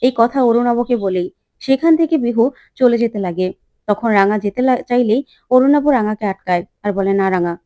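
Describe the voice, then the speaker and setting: Woman narrator, casual serial recap, plain storytelling, mellow highish voice, dry sound. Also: normal speed, no room sound, dull audio. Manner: plain storytelling, linking lines with 'then'. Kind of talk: casual retelling of a TV serial episode.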